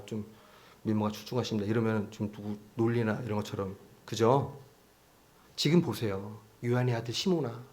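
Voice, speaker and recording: Man preaching conversationally to a congregation. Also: medium pitch. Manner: conversational preaching with acted-out quotes; asks the congregation questions often. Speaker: pastor. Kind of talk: sermon. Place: church.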